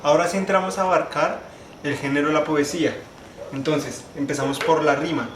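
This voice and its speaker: A young man giving a class presentation, explaining step by step, restarting phrases and slowing down to spell out syllables. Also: on the high side, fairly even intonation. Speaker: student presenter. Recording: echoey room, faint ambient noise.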